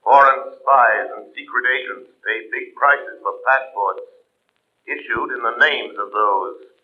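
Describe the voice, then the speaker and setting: An actor playing a calm, knowing crime-fighter in old radio drama, measured, grave and authoritative. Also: male voice, mid-range voice. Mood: grave, assured. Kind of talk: 1930s radio drama acting. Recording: tinny vintage radio recording.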